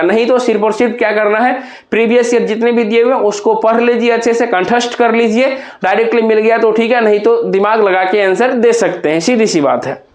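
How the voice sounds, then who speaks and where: Guy teaching exam prep, really high voice, spells stuff out letter by letter, echoey room. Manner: explains step by step, spells words letter by letter; talks to students directly, asking and answering his own questions.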